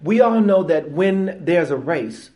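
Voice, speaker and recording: A middle-aged man, a minister, preaching a sermon to his church with frequent exclamations, building up loud and then speaking more quietly. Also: fairly high pitch, animated, takes it slowly.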